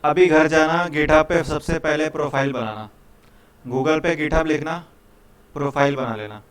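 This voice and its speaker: A man from India leads a live programming lesson in a classroom, speaking to his students in a loose, friendly, chatty way. He keeps checking in with them as he goes, and his voice sits a little on the high side. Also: steady tone, a little slow. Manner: casual, repeats "ठीक है" and "भाई", coaxing students. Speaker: programming teacher.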